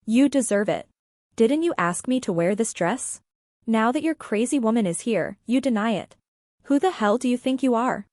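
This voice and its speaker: A woman's voice: fairly high pitch, lively intonation, moderate pace, darkish tone, no room sound, studio quality, natural voice. A woman voicing a bitter, vengeful young woman in an audiobook story, with an accusing, resentful manner. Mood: hysterical.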